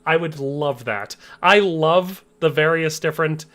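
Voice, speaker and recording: A man's voice: on the high side, unhurried, pushed and bright. A young man from the US Upper Midwest, a game streamer chatting casually, reading chat aloud and laughing easily.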